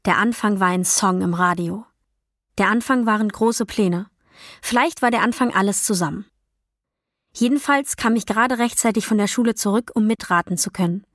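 A woman reading a first-person novel as an audiobook, in a calm, even storytelling voice with quiet dialogue voices. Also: medium pitch, moderate pace, no echo, studio quality. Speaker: audiobook narrator. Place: dry recording booth. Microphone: close studio mic.

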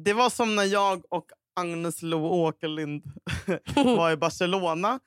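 A woman's voice: lowish voice, smooth, no echo, studio quality. A young woman co-hosting a podcast, telling self-mocking anecdotes in casual chat with laughs and swearing. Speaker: podcast co-host.

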